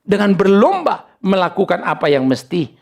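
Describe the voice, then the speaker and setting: A man's voice: high voice, sing-song, moderate pace, gravelly, a little mellow. An older man preaching a sermon as pastor, acting out the people he quotes and dropping English words into his talk.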